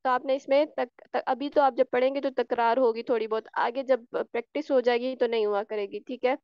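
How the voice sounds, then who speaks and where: A woman with a high, smooth, clear voice teaches a recitation lesson over an online class. She demonstrates each sound by repeating it and keeps checking that her students follow. The audio is dry and a little dull, like a call mic. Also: fairly even intonation, brisk, no echo. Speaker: tajweed teacher.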